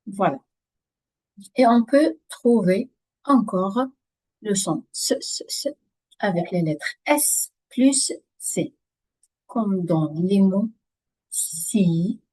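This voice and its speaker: Woman, pronunciation teacher, very slow and careful delivery, slightly husky voice, repeats each word. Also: mid-range voice, dark tone, low-quality recording.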